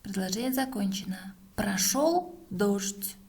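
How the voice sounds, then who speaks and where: A woman teacher is dictating a text for pupils to write down. Her delivery is extremely slow, set at a middle pitch for a woman. She breaks sentences into separate words with long pauses and repeats them. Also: animated, darkish tone.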